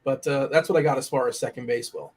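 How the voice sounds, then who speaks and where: A young man's mid-range, steady voice with a breathy edge runs through fantasy baseball picks in casual betting talk. His delivery rambles, with frequent self-correction and brief asides.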